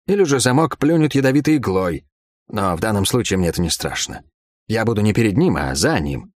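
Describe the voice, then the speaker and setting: A man voicing a cool-headed male thief in an audiobook, speaking quietly and without hurry. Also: fairly low pitch, big pitch swings, dry recording. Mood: calm. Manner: quiet, unhurried, understated. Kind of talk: audiobook character voice.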